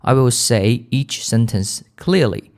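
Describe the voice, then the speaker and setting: A man with a British accent leading a shadowing lesson for English learners in a calm, gentle, clear manner. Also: mid-range voice, takes it slowly. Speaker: English teacher.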